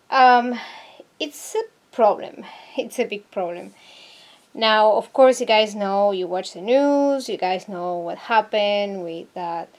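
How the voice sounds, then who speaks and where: A woman from Argentina talking casually to her viewers in a vlog, hesitant and searching for words, earnest and troubled. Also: medium pitch. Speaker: vlogger. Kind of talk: casual talk to camera.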